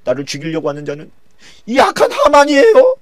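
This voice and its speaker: A man's voice: high voice, fast talker, darkish tone, dry recording, clean studio sound, voice pushed up, lightly acted. A man voicing a courageous young queen who pleads earnestly for her life and her people, in a dramatized Bible retelling. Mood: urgent pleading.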